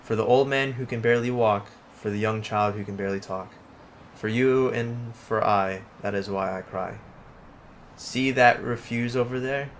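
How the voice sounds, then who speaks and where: A man's voice: medium pitch, steady tone, normal speed, a little hiss or hum, close to an everyday voice. A man voicing a grumpy, melancholy old jester from a video game, reciting doleful theatrical verse in an old man's voice. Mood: mournful. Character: melancholy old male jester, gloomy rhymer.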